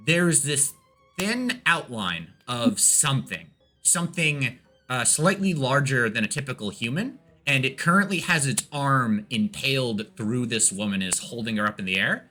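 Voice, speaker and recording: A man narrating as game master of a tabletop game, halting with many restarts. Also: medium pitch, sharp tone.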